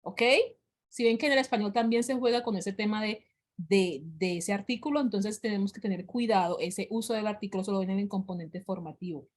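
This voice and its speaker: A woman's voice: medium pitch, darkish tone. Patient woman teaching an English class. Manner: patient, repeats examples slowly. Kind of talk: online class explanation.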